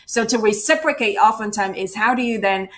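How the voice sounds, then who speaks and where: This woman runs a virtual cultural awareness workshop over a video call, keeping it conversational and checking in with listeners through frequent "right?" and "you know." Her voice is fairly high-pitched and a bit bright, and she talks a little fast.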